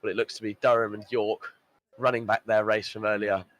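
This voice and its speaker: A man's voice: lowish voice, flat delivery, a little fast, a bit bright, poor audio. A man commentating a live event in an enthusiastic, upbeat way, full of praise and fillers.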